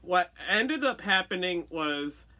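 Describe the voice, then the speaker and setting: A woman's voice: lowish voice, animated, slow, bright, forceful tone. A woman with a lisp, as if wearing a retainer, telling a personal story in a blunt, sweary, conversational storytime style. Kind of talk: candid casual storytime rant.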